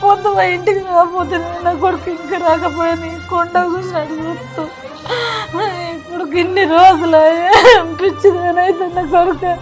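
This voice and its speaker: Over background music, a woman voices a grieving, middle-aged village mother weeping and pleading about her married son, her tender mood tearful throughout. Her high-pitched voice stays steady at a normal speed, and the performance is lightly acted.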